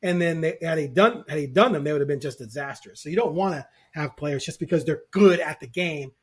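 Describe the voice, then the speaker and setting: A man's voice: on the high side, fairly quick, breathy edge. A man co-hosting a sports podcast in casual chat, rambling and acting out quoted voices.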